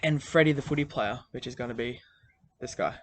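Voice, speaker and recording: Relaxed male teacher. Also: mid-range voice, brisk, slight background noise. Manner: relaxed, many fillers. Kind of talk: recorded class instructions.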